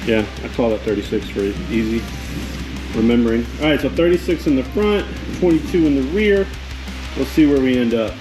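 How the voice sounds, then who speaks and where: A man's voice: medium pitch, expressive, a little fast, over music, low-quality recording. A man giving casual how-to narration as he works, with a tongue-in-cheek, wry way of talking. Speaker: host of a DIY motorcycle garage video.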